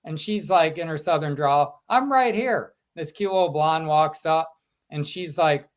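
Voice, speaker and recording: A man co-hosting a sports podcast, recounting his trip and quoting fans as he goes. His voice sits a little high for a man. He talks in a loose, casual way. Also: normal speed. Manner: storytelling, quotes fans in lively asides. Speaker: podcast co-host, sports reporter.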